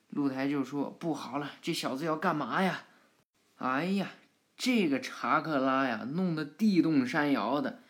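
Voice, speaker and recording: A woman casually retelling a cartoon episode, lively with many interjections and sound effects. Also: deep voice. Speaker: storyteller.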